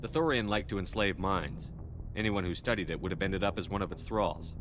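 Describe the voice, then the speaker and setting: A man's voice: low-pitched, a little fast, noisy background. A man playing a stern, resolute space military commander in a video game, terse and commanding. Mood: matter-of-fact.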